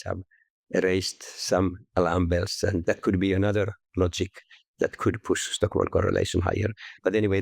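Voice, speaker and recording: A man, answering interview questions in a thoughtful, measured, explanatory way. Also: sits low, creaky, darkish tone, no room sound, clean studio sound. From Finland. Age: 60s. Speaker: guest, investment researcher.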